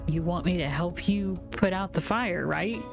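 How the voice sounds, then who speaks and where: A woman's voice: lowish voice, normal speed, vocal fry, music in the background. A woman voicing a nervous young boy in a game, speaking in a timid, pleading way. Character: nervous young boy in a bleak small town. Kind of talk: reading game dialogue aloud.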